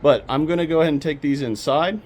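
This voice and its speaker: A man's voice: fairly high pitch, fast, a little mellow. A man hosting a casual backyard gardening vlog, chatty and practical, talking straight to his viewers. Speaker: home gardening channel host. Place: outdoors in a backyard garden, then indoors.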